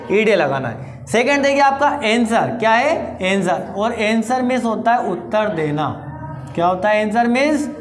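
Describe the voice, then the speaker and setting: A mid-pitched teacher runs a grammar lesson in a steady question-and-answer drill. Each question gets its own slow, repeated answer. The voice rings in a roomy space over a faint hum. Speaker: English teacher. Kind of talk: classroom-style grammar lesson. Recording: roomy echo with faint background noise.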